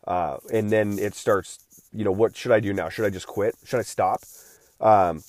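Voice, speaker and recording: Alone at the mic, a podcast host in his late thirties rambles loosely, circling back, restarting sentences and using filler words, though he's still recovering from feeling unwell. His low, slightly mellow voice holds a steady tone at a moderate pace. The recording is dry, with no room sound or echo.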